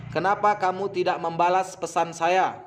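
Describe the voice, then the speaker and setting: A man with an Indonesian accent teaching vocabulary, saying each word and its meaning and repeating them slowly. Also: sits high, fairly even intonation, slight background noise. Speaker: Arabic teacher. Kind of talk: vocabulary lesson.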